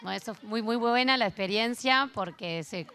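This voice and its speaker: A woman's voice: fairly high pitch, moderate pace, bright, forceful tone, a little hiss or hum. A woman teacher answering a host's questions on stage, telling plainly how her class made a project.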